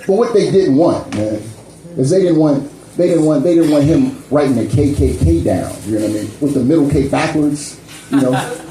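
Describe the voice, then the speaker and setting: A man's voice: on the high side, lively intonation, normal speed, a little hiss or hum. A man doing a stand-up set, telling a story while constantly checking in with the crowd. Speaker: stand-up comedian. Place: comedy club stage. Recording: echoey club mic with loud crowd.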